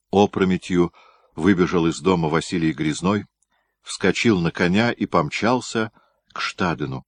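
A man narrating an audiobook in an expressive storytelling manner. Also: deep voice, dry recording. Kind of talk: scripted narration.

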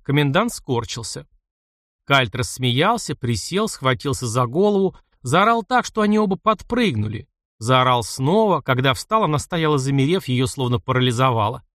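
Brief: male narrator, animated pitch, dry studio read. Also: moderate pace, no room sound. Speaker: audiobook narrator. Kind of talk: literary audiobook narration.

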